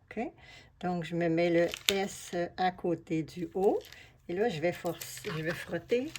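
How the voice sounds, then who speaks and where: With a lowish, somewhat slow voice against a noisy background, a Québécois French-accented woman shows how to make a craft. The collage artist and craft video host keeps it casual and familiar, narrating each step as she works.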